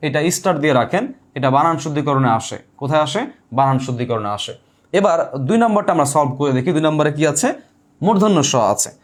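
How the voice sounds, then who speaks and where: Male tutor, slightly high voice, drills points by repetition and call-and-response questions. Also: expressive. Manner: repeats key points and quizzes listeners with quick questions. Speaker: teacher. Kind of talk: online exam-prep grammar lesson.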